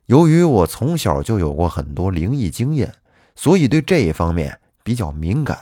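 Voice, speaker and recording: A man's voice: lowish voice, moderate pace, breathy edge, no echo, clean studio sound. A man telling a folk tale in the first person as a storytelling host. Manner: lively, animated first-person narration. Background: faint background music.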